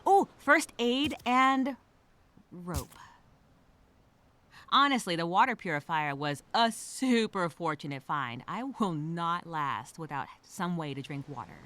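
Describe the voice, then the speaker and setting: A woman plays a bright, anxious castaway speaking her journal aloud as a first-person dramatic monologue. Her animated voice is lowish and slow, and her mood is thoughtful and subdued. She rambles nervously, questions herself and reassures herself with wry, sarcastic asides.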